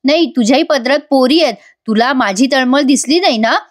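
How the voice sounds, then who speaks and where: A woman's voice: high-pitched, a little fast, pitched above the performer's own voice, natural voice. A woman voicing a furious middle-aged aunt who bitterly scolds her sister, in a soap recap. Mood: angry, accusing. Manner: bitter, accusing tirade.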